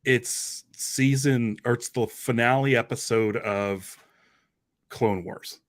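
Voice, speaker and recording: A man with a medium-pitched voice speaks slowly as a podcast panelist, chatting in a loose, informal, conversational way about a radio drama.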